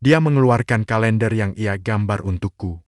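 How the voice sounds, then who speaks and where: A man's voice: lowish voice, moderate pace, darkish tone, no echo, studio quality. Man narrating a story recap. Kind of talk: first-person scripted narration.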